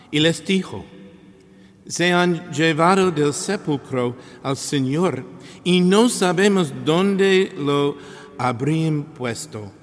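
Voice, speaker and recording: A man reading scripture as a priest, in a solemn, measured and deliberate liturgical manner with pauses. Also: fairly high pitch. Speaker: priest reading the Gospel at Mass. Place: large reverberant church. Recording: long church-like reverberation.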